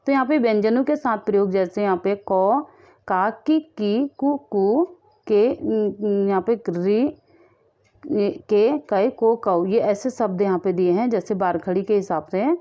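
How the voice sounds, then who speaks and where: A woman teaching young children in a patient, repetitive way, saying each example word slowly and then asking and answering her own questions. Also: mid-range voice. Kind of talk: children's lesson. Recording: muffled lo-fi audio.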